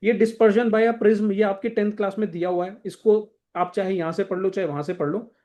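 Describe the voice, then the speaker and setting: A man's voice: high-pitched, fairly even intonation, moderate pace, muffled recording. A young man coaching students for an exam, going through textbook chapters in a casual, directive way and often checking in with his listeners. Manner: casual, directive, repeats "thik hai" to check in. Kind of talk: exam-prep lesson walking through a textbook.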